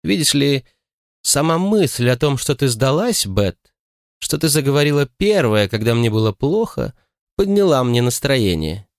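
A man's voice: medium pitch, very animated, measured pace, no room sound, clean studio sound, pitched above the performer's own voice. A man voicing a self-satisfied elderly spinster woman, talking in a raised, sweetly smug voice.

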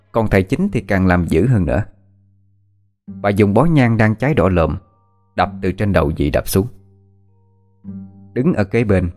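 A man narrating a scripted horror story in a steady, measured way. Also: deep voice. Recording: faint background music.

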